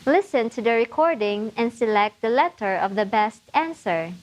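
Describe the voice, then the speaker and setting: A woman narrating a test preparation lesson, explaining answers clearly and encouragingly. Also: on the high side, animated, moderate pace, low-quality recording. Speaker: test prep instructor. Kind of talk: scripted teaching narration.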